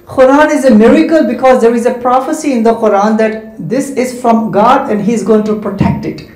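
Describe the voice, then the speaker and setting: At a moderate pace and in a very high, slightly mellow voice, an Islamic speaker who grew up speaking Hindi and Urdu takes students' questions in a big indoor community hall. He lists his points and checks understanding with "right?", speaking into a handheld mic, the hall echoing around him.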